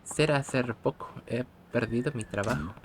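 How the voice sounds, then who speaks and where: A man voicing a hurt young foreign woman who pleads in broken, halting speech. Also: medium pitch, noisy background, lightly acted. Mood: pleading. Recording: game music behind the voice.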